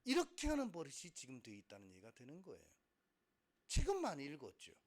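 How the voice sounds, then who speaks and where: A man's voice: fairly high pitch, fast. A middle-aged man teaching a Korean language class, lecturing animatedly, acting out students and asking rhetorical questions. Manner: animated, acts out students' voices, frequent laughter and rhetorical questions.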